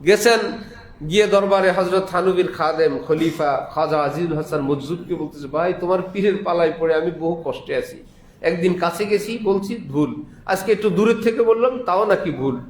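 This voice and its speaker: In a mosque's echoey room, a preacher with a Bangladeshi Bengali accent gives a Friday sermon full of acted anecdotes, voicing the characters and chuckling often. His voice is high-pitched and moderately paced.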